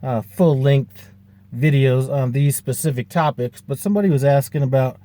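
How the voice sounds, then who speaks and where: In his fifties and driving trucks for a living, he rambles through a casual vlog chat at a moderate pace, restarting often and leaning on fillers. The voice is medium-pitched and dark.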